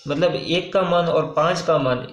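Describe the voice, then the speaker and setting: A male maths teacher with a fairly high voice walks through a problem step by step. He keeps asking and answering his own questions, with filler pauses between them. The room around him sounds echoey. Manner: casual, with frequent "uh" pauses and repeated phrases. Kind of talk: whiteboard maths lesson.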